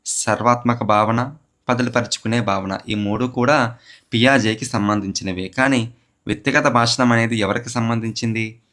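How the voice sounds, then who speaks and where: Preparing listeners for a teacher exam, a man lectures on psychology by posing questions, answering them himself, and repeating key terms for emphasis. His voice sits in the mid-range with a fairly bright tone.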